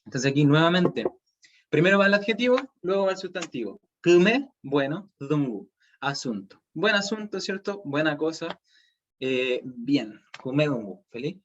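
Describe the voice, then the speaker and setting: A man's voice: fairly high pitch, expressive, measured pace, dull audio. A man with a Chilean Spanish accent teaching a language class online, explaining step by step and checking in with students often.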